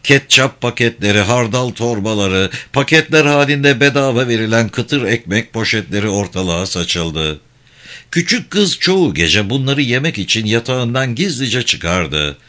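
A man reading a novel aloud as scripted narration, with expressive, measured storytelling. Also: mid-range voice. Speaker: audiobook narrator.

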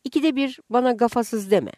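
A woman's voice: fairly high pitch, moderate pace, warm tone, dry recording, voice pushed up, natural voice. A woman voicing a flustered village wife who protests in a raised voice and rural speech, in a dry recording. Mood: defensive.

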